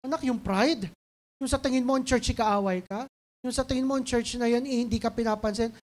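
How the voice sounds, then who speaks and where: A woman's voice: a little high, a little fast. A woman pastor with a Filipino accent preaching a sermon, pleading and emotional, building to fervent intensity. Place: church stage. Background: soft band music.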